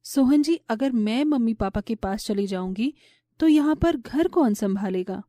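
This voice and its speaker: A woman voicing a meek, patient young daughter-in-law in a storybook tale, who speaks in a soft, humble way. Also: fairly high pitch, animated, unhurried, no room sound, clean studio sound. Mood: sad. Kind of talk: storybook voice acting.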